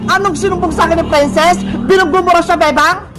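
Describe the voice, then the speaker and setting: A sharp-tongued, quick-tempered cartoon mother scolds in a very high, squeaky voice. Her pitch stays flat and level. Cartoon music plays clearly behind her. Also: a loud crowd. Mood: scolding. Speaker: cartoon voice actor. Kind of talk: cartoon voice acting. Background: cartoon background music.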